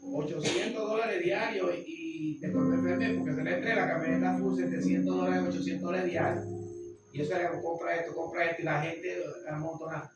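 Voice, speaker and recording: A man giving a spoken testimony, halting and repeating himself as he goes. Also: high voice, steady tone. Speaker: congregation member giving testimony. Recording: echoey, distant, dull, music behind.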